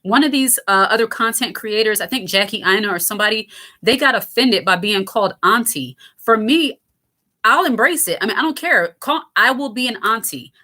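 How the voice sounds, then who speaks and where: She's a woman in her thirties with a lower, raspy voice, casually answering viewer comments as host. Animated and moderately paced, her tone is sharp, and she talks frankly and lightly while constantly using fillers and cutting herself off.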